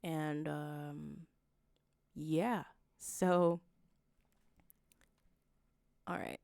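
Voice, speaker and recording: Woman streamer, casual read-aloud commentary, slow delivery, dry close-miked sound. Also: sits low, steady tone, gravelly, darkish tone, dry recording. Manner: unhurried, reacts with disbelief and exclamations.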